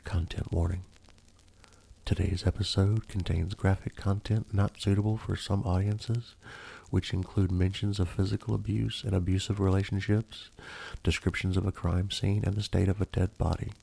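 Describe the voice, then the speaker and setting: A man hosts a true crime podcast as an ASMR narrator. His voice is very low and gravelly, with a dark, mellow tone. He phrases things like a formal, theatrical storyteller. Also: flat delivery, moderate pace. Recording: faint music behind the voice. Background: faint music.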